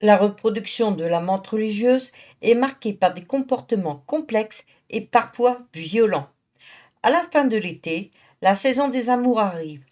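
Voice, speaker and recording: A woman's voice: mid-range voice, expressive, measured pace, darkish tone, dull audio, soft background music. A woman narrating a nature documentary in a familiar, teasing storytelling manner. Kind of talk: nature documentary narration, playful asides to the viewer.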